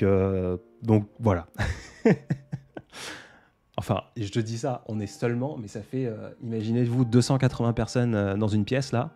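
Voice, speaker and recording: A young man hosting a casual livestream, speaking softly, laughing often and reading out viewers' comments. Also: on the low side. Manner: soft-spoken, laughs often, reads out comments. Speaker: livestream host.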